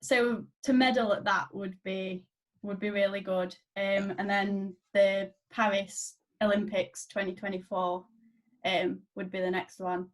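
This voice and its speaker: A woman's voice: mid-range voice, a little slow. Giggly young English woman guest. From England. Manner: giggly, relaxed and modest. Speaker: guest weightlifter. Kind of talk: casual podcast chat.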